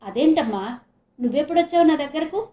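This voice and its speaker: A woman's voice: steady tone, moderate pace, darkish tone, reverberant, dull audio, natural voice. A woman doing a hurt, pleading teenage daughter. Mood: puzzled. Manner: high, tearful pleading.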